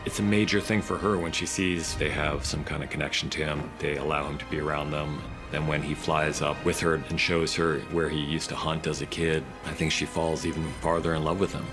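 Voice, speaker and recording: A man with a low-pitched voice speaks as a series creator in a behind-the-scenes interview. He explains things in a conversational way, with music clearly playing behind him. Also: level tone, brisk, few pauses. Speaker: series creator commenting on episode.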